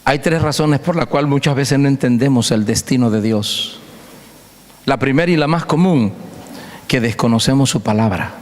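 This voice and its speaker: A man's voice: medium pitch, moderate pace. A man preaching a sermon as pastor, emphatic and storytelling, leaning on repeated phrases to drive each point home. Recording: long hall reverb.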